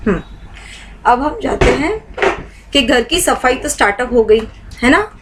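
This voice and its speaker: A woman leads a live online meditation class in a fairly high voice. She talks warmly and keeps putting questions to her students. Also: big pitch swings, unhurried, very noisy. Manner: asks the class many rhetorical questions. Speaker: meditation teacher.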